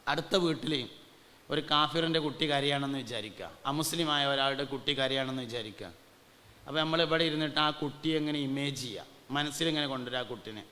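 A male preacher, giving a storytelling sermon and now and then slowing into chanted devotional verses. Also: medium pitch, pushed and bright, in a large hall. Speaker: Islamic preacher.

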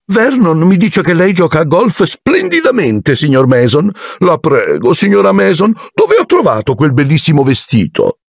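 Man putting on a shrill gushing aunt. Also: wildly swooping pitch, moderate pace, gravelly, few pauses, husky, dry recording, studio quality, heavily acted. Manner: gushing, eager. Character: shrill fussy middle-aged aunt.

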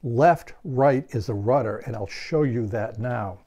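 A man's voice: mid-range voice, unhurried, warm tone. An older man giving a hands-on product tutorial in his home workshop, explaining steadily and stressing key points. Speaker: hobby reviewer.

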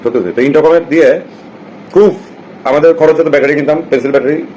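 A man's voice: on the high side, quick pace, mellow, muffled recording, slight background noise. A man with a Bangladeshi Bengali accent, telling personal stories in casual chat on a live stream. He rambles, restarts often and slips into English.

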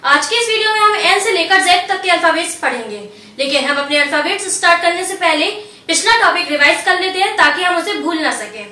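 A woman teaching a language lesson, going slowly and patiently through each letter and repeating it. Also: very high voice, expressive, bright, forceful tone, roomy sound, distant mic.

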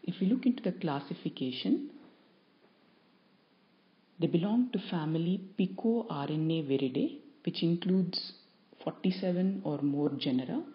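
A woman lecturer explaining a topic to students in a measured, explanatory way, stressing key terms. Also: sits low. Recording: dull lo-fi recording.

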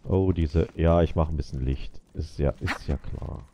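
Deep-voiced man mumbling gameplay commentary. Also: moderate pace, highs cut off, background noise. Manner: muttering, talking to the game characters. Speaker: let's play gamer.

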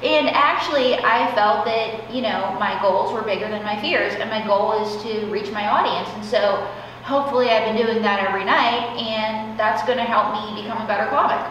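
A young woman, a comedian being interviewed on a theater stage, chats casually and emphatically. Her voice is on the high side and fairly bright, at a moderate pace, with the highs cut off. The recording sounds distant, with echo from the hall and faint noise.

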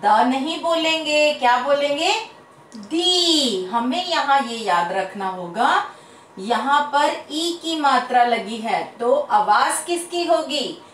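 Slow sing-song woman teacher, echoey room. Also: high-pitched, lively intonation, distant mic, slight background noise. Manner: drawn-out sing-song word drills, asks questions to pupils. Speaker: primary school teacher. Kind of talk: slow classroom lesson for children.

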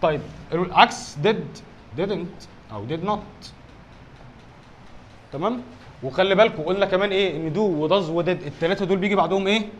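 A man's voice: high-pitched, quick pace, muffled recording, a little hiss or hum. A man with an Egyptian Arabic accent teaching an exam review lesson, asking questions and answering them himself and often checking that his students follow. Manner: quizzes himself aloud, keeps checking with "alright?". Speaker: English teacher.

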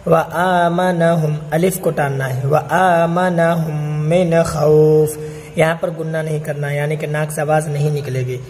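A man teaching Quran recitation, chanting each verse slowly and then explaining pronunciation quickly, often checking with "theek hai?". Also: a little high, steady tone, a little mellow, long reverb tail, soft background music.

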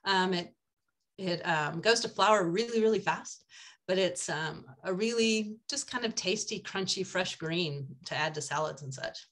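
A woman's voice: fairly low pitch, moderate pace, a bit bright. An older woman guiding a foraging talk in a chatty, enthusiastic way with many ums, speaking over a webcam from an indoor room. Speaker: foraging guide. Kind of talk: casual presentation over slides. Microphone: webcam on a video call.

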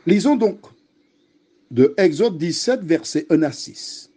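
A man delivers an evening devotional sermon, speaking directly to the listener and exhorting them. His delivery is slow and mellow. His pitch moves widely as he presses each point. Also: lively intonation, slightly rough. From French Antilles. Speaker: preacher.

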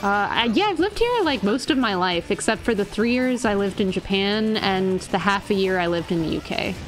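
While gaming on a live stream, an American woman from Florida chats casually, playful and self-deprecating, over video game music. Her mid-range voice is animated at a moderate pace, and the audio quality is poor.

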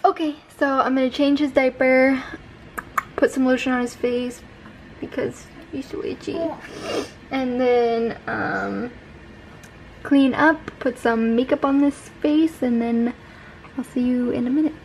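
High-voiced young mother vlogging at home. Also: fairly even intonation, measured pace, a little hiss or hum, rough recording. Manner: cooing baby talk to her infant. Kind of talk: casual home vlog. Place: home nursery.

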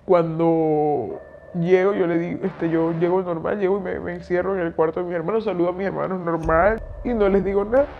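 A young woman gives a personal testimony in a quiet, halting way, often stopping to search for words. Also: on the low side, steady tone, creaky, slight background noise. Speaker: interviewee giving testimony. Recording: dull lo-fi audio with faint music.

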